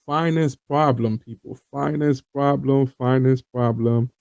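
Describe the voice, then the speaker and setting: Hosting an online talk show, this Haitian man addresses his viewers earnestly in an informal monologue full of fillers and repeated phrases. He speaks with a Haitian accent in a steady, unhurried, gravelly, darkish medium-pitched voice; the lo-fi recording is dull and dry with no echo.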